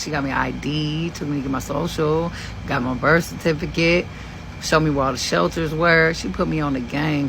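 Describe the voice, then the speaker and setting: A woman in her forties from Kentucky telling a story in a blunt, profane and animated way. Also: low voice, noisy background. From Kentucky, USA. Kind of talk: casual storytelling.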